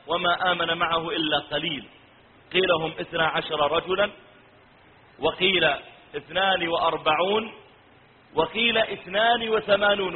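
A male preacher giving an emotive storytelling sermon, slowing down to chant scripture verses. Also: a little high. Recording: tinny phone-like recording with long hall reverb.

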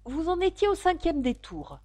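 A woman's voice: fairly high pitch, very animated, normal speed, a little mellow, voice pushed up. Alice, a woman doing an eager young girl.

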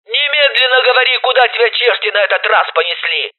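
A woman's voice: a little high, expressive, fast, breathy edge, phone-quality sound, voice pushed up. A woman voicing a bossy, irate female friend who scolds and rants at full volume. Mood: scolding on phone. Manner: shouting, scolding, ranting.

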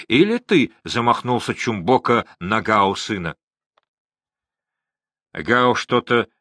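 A man reading a novel aloud as audiobook narrator, slow and expressive. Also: mid-range voice, no room sound, clean studio sound. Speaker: audiobook reader.

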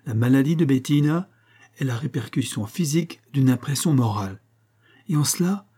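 A man's voice: medium pitch, animated, moderate pace, dark tone, slightly rough. A man voicing an enthusiastic male traveler who speaks with eager emphasis.

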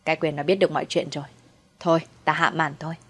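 A woman voicing a sly old male steward who talks quickly and quietly in a storybook reading. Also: sits low, fairly even intonation, breathy edge, faint music behind. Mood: hushed.

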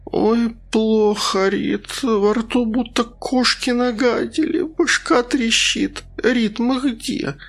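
A man voicing a drugged, half-conscious nurse who speaks hoarse and slurred, slowly coming round. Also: fairly high pitch, pitched above the performer's own voice. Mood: groggy.

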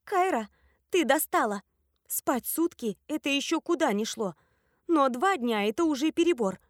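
A woman doing a small, bossy young sorceress, high and scolding. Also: animated, moderate pace, no echo, clean studio sound. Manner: blunt, scolding, matter-of-fact.

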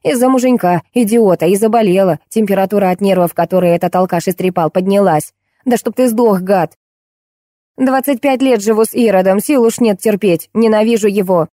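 A woman reading an audiobook, voicing a shrill, scolding middle-aged wife fed up with her drunk husband. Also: brisk, mellow, no echo, clean studio sound, natural voice. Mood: complaining.

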